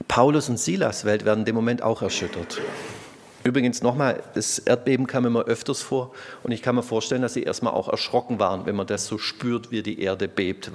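A man preaching a conversational sermon, swinging between loud emphatic bursts and soft, low passages, often adding little tag questions. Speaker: pastor. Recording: long reverb of a large hall.

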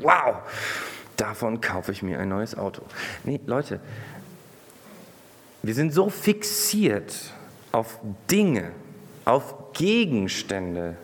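A man preaches with a lively, swinging delivery and speaks straight to his listeners. His voice rises and falls a great deal. The sound rings with a long hall reverb. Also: mid-range voice. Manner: lively, animated, addresses the congregation directly. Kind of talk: sermon with Bible reading.

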